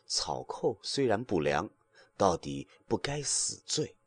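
A man voicing a calm, gentle female bodhisattva who speaks softly. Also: on the low side, takes it slowly, husky, dry recording, voice pushed down, full character voice. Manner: soft and calm.

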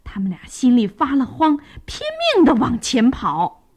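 Slow, sing-song woman storyteller. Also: a little high, slightly rough. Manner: expressive sing-song with sound words. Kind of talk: children's story reading.

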